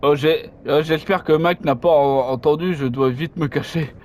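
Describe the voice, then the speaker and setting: High-voiced young French gamer. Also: male voice, moderate pace, darkish tone, slight background noise. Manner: hesitant, filler-heavy asides. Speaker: let's play gamer. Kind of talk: casual gameplay commentary, reading game dialogue aloud.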